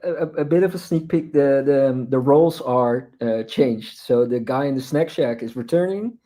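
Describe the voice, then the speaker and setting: A man's voice: mid-range voice, normal speed, warm tone. A man who is a fan designer, chatting on a call in a friendly, thankful way. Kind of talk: casual video call chat.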